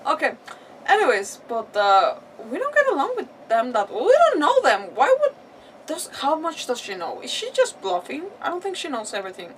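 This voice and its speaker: A woman with a high-pitched voice and huge pitch swings streams a game at a moderate pace, giving casual, rambling live commentary. She reacts to the characters and argues back at them. The mic sounds slightly distant, with faint background noise.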